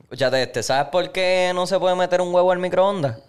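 A man's voice: sits high, moderate pace, clear, resonant tone. A man co-hosting a podcast, rambling through casual chat and trading jokes. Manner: rambling, storytelling, trades jokes. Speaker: podcast co-host.

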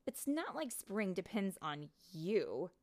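A woman reading as a proud, rude young fairy who speaks down to others in a haughty, dismissive tone. Her delivery is slow and the voice has a gravelly edge. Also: medium pitch, very animated, darkish tone. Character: proud, rude fast-flying female fairy.

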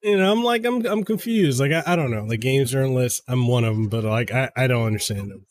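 A man in his thirties, a game reviewer guesting on a podcast, talking in an excitable way and often stumbling over repeated words. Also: medium pitch, quick pace. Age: 30s. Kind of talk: casual podcast chat.

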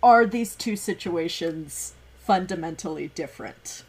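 A woman hosting a podcast discussion, measured, posing questions to her co-hosts. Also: on the low side, animated, darkish tone. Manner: measured, poses questions to the others. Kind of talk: casual discussion.

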